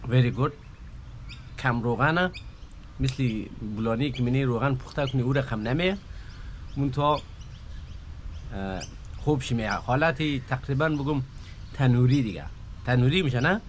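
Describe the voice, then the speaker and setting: Eating as he goes, a thirties-aged male vlogger with an Afghan Dari accent cooks and tastes food at a park picnic, relaxed and chatting casually to the camera. He speaks at a medium pitch with frequent pauses, over a faint hiss or hum.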